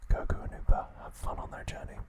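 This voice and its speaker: A man narrates a scripted recap in a slow, deliberate ASMR whisper that is soft and breathy, delivered in short phrases.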